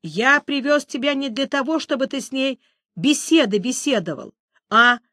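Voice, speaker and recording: A woman's voice: sits high, normal speed, pushed and bright, no room sound, studio quality, voice pushed up. A woman voicing a haughty, hot-tempered male prince who barks commands. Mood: domineering. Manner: barking, domineering.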